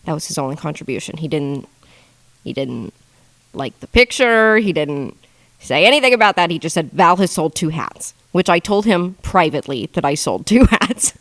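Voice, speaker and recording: A young woman in her twenties rambles through casual stories on a podcast, swearing freely and keeping a deadpan tone. Her voice sits a little low for a woman. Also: moderate pace. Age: 20s. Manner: profane, rambling, deadpan with bursts of laughter. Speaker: podcast guest. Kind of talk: casual storytelling monologue.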